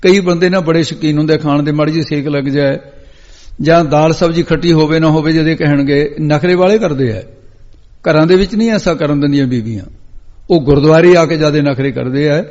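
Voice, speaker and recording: A man giving a Sikh katha sermon, telling a story and chanting scripture lines slowly before explaining them. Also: a little high, a little mellow. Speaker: Sikh preacher. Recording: echoey hall, dull lo-fi sound.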